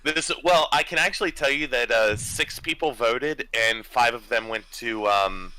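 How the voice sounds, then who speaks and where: A man chats at a tabletop game, playful and boastful, with frequent laughter. His voice is bright and sits at a middle pitch. He talks in a relaxed, joking way. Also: moderate pace, rough recording. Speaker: player. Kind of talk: casual tabletop game chat.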